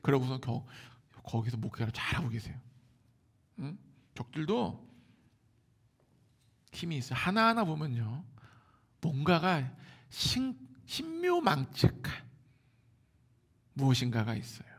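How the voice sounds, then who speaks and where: A man with a Seoul Korean accent preaching a Sunday sermon, moving between hushed near-whispers and loud exclamations. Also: a little high, huge pitch swings, unhurried, pauses often, husky. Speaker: pastor.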